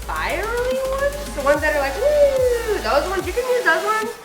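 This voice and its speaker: A woman's voice: extremely high pitch, animated, fast. A woman hosting a home cooking video in a casual, chatty way, informal and rambling, recorded indoors in a kitchen. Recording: echoey room with background music.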